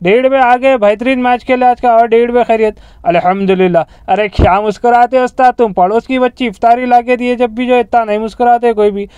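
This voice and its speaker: A man's voice: extremely high pitch, fairly even intonation, brisk, hardly any pauses, a little mellow, clear, resonant tone. A man with a Hyderabadi accent hosting a comic dubbed interview, full of greetings and street banter. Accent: Hyderabadi Deccani. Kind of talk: comic dub in dialect.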